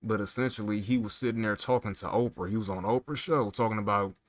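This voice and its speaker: A man with a somewhat low voice vents in a heated, profanity-laced rant. He talks straight at the listener, piling on emphatic rhetorical questions. The recording is dry, with no room sound. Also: quick pace, no room sound. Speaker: political commentator. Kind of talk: casual political rant.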